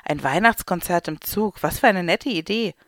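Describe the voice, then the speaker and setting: A narrator voicing a pushy, indignant older woman in a children's story, raised and louder than the narration. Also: mid-range voice, normal speed, dry recording, clean studio sound, lightly acted. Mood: warm. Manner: indignant and loud, later warm. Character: cranky, pushy older woman with purple hair. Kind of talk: storybook character voice.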